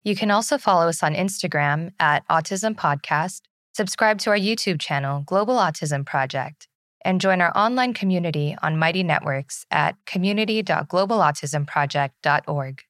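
Woman, podcast host, scripted intro, very low voice, dry close sound. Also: a bit bright, dry recording. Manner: measured, announcer-like reading.

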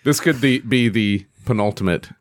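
A man's voice: lowish voice, moderate pace. A man co-hosting a podcast, chiming in with dry, teasing remarks. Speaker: podcast co-host. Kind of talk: casual chat.

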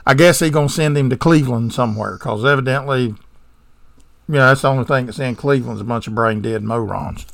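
A man's voice: mid-range voice, brisk, creaky, no room sound. A man with a Southern American accent co-hosting a podcast, retelling a movie plot in casual chat with rambling digressions and sarcastic asides. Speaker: podcast co-host.

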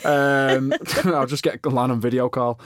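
A man's voice: medium pitch, steady tone, a little slow, a little hiss or hum. A man, co-hosting a casual podcast, blunt and full of swearing. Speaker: podcast co-host.

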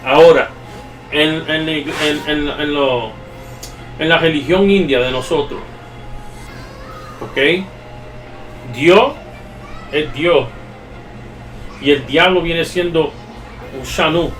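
A man's voice: a little high, slow, long pauses, a bit bright. A man hosting a casual chat, explaining things in a lecturing way with many restarts. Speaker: podcast host. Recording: echoey distant mic with faint music.

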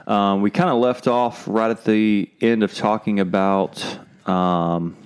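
A man's voice: lowish voice, fairly even intonation, slow, clear, resonant tone. A young man co-hosting a casual Bible discussion, talking loosely with lots of fillers like "like" and "um". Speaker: podcast co-host.

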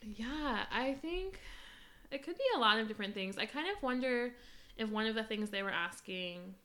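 A woman co-hosting a podcast in casual chat, wry and quick to laugh. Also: fairly high pitch, expressive. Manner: wry, laughing, reads aloud with loud emphasis. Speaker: podcast co-host.

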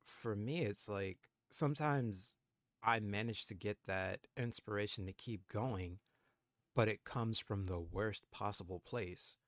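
Here a podcast co-host in his twenties talks through his thoughts in a casual, considered way, with many fillers. He speaks low and at a measured pace, recorded dry and clean in a studio.

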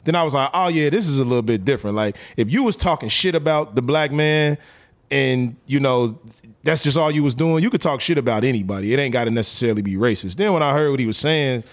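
A man co-hosting a podcast in relaxed, profane talk. His voice sits in an ordinary middle range, and he works his points out with fillers and restarts. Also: medium pitch, fast talker. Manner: loose, profane, talks it through with fillers. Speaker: podcast co-host. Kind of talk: casual podcast chat.

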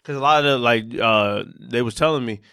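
A man's voice: mid-range voice, moderate pace, gravelly, pushed and bright, smooth, no echo, studio quality. A man in his twenties in a laid-back, slangy casual chat, full of fillers. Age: 20s.

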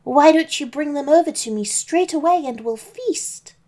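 A woman's voice: high-pitched, expressive, normal speed, mellow, pitched above the performer's own voice. A woman voicing a wolf who pretends to be a sweet old grandmother, in a sugary, fussy put-on old-lady voice. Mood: sugary fake. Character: big wolf faking a sweet old granny.

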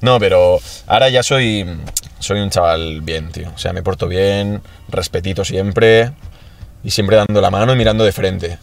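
A man chats in a relaxed, easy way. He swears freely and closes nearly every phrase with a slangy address to his friends. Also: deep voice, moderate pace, gravelly, slight background noise. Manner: laid-back, peppered with "tío" and swearing. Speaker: podcast co-host. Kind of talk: casual chat.

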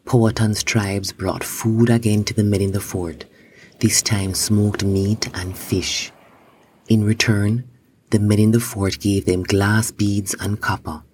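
A man narrating a children's story in a slow, even storybook reading. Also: on the low side, slight background noise.

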